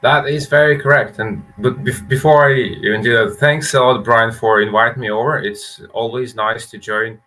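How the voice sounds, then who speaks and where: A man's voice: mid-range voice, steady tone, moderate pace, few pauses, bright, forceful tone, low-quality recording. A man from Lithuania, a brewery founder, chatting casually and telling his story with self-mocking jokes over a call mic. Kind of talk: casual chat.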